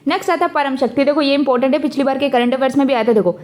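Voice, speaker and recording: A woman's voice: high-pitched, racing, a little mellow. A young woman teaching exam current affairs in a casual, chatty way, mixing English words into her talk and speaking straight to her students. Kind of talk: casual lesson with memory tricks.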